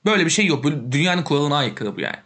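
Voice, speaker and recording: Fast-talking, dismissive young man. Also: on the high side, big pitch swings, fairly bright tone. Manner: quick, dismissive, argumentative. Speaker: football chat co-host. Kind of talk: casual football banter.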